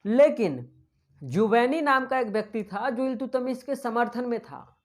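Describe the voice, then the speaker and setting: A woman's voice: a little high, lively intonation, measured pace. A woman giving an exam-prep history lecture, dictating notes and asking and answering her own questions in a chatty way with English terms mixed in. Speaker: history teacher.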